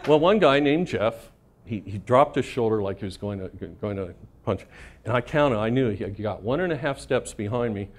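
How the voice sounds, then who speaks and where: A man's voice: medium pitch, animated, normal speed. A middle-aged man giving a casual conference talk, telling anecdotes in a profane, self-amused way and often checking in with "right?". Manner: casual, profane, laughs at his own stories, keeps tagging "right?". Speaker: conference speaker. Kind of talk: storytelling talk to a live audience.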